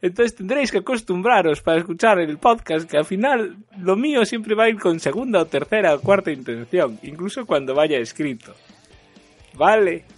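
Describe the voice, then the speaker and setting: A man's voice: high-pitched, expressive, normal speed, faint music behind. A man from Galicia with a Galician Spanish accent, co-hosting a casual podcast, speaking in an ironic, teasing way. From Galicia, Spain. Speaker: podcast co-host.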